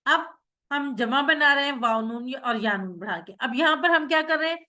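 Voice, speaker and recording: A woman's voice: high-pitched, pushed and bright. A woman teaching Arabic grammar in an online class, explaining patiently step by step and calling on students.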